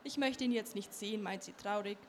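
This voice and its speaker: A woman's voice: medium pitch, brisk, slight background noise. A teenage girl reading aloud from her own novel in an earnest way, with a few small slips. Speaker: young author.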